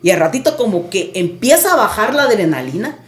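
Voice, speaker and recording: A woman's voice: medium pitch, big pitch swings, a little fast, roomy sound. A woman guest on a podcast recounting a personal experience in vivid, dramatic storytelling.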